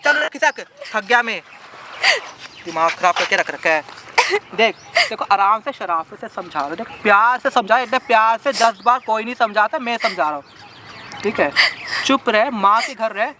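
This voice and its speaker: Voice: medium pitch, lively intonation, moderate pace, noisy background, close to an everyday voice. An actor playing a brash young husband who coldly brushes off his wife and keeps asking "right?". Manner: bossy, repeats "ठीक है?" constantly. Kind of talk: family drama skit acting.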